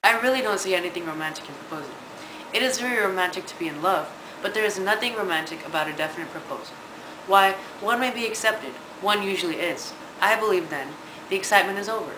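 In an amateur play for a student project, a young man in his late teens or early twenties lightly acts an idle, witty, smug young gentleman, musing smugly in formal, measured speech with a high voice. He's filmed in a large indoor living room by a camera a few metres away, so the sound is echoey and noisy.

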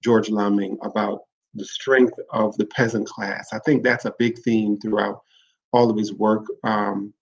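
A man's voice: lowish voice, little pitch movement, a little slow, creaky, dull audio. A man hosting a livestream, giving an earnest, reflective talk on literature and often restarting phrases to correct himself. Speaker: livestream host discussing literature. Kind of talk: informal literary talk with read-aloud excerpts.

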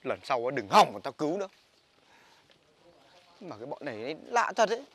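A man acting in a comedy sketch, talking in a brash, shouty comic way. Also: a little high, big pitch swings, a little fast, husky.

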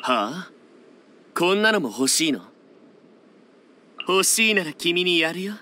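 A man's voice: high voice, big pitch swings, takes it slowly, bright, forceful tone, full character voice. A man voicing a haughty, sneering young male wanderer with wind powers in an anime video game. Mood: disdainful. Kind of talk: anime game battle voice lines.

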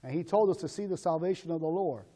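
A male pastor preaching a sermon in call-and-response style, swinging between shouted calls and low asides. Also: fast talker, big-room sound.

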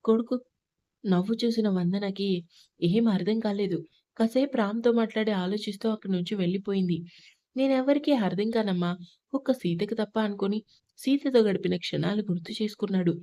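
A woman narrates a romantic tale in a mellow, warm voice of middling pitch. She reads the couple's bickering phone call herself, and their teasing and snapping comes in her own plain voice, with no put-on character voices. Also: fairly quick. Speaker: storyteller. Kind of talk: scripted narration of a love story, reading all parts.

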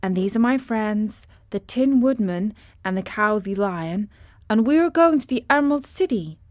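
A woman voicing an eager, polite young girl in a storybook reading, speaking quickly and brightly. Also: mid-range voice, expressive, no room sound, studio quality, natural voice. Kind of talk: storybook character voice.

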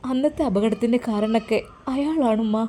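A woman's voice: fairly high pitch, a little fast, a little hiss or hum, natural voice. A woman voicing a shy, troubled daughter. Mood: hesitant. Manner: hesitant, soft-spoken.

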